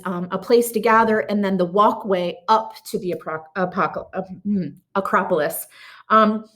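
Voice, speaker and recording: A woman's voice: mid-range voice, a bit bright. A woman teacher giving a recorded art history lecture in a casual way, with many ums and restarts. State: has the hiccups.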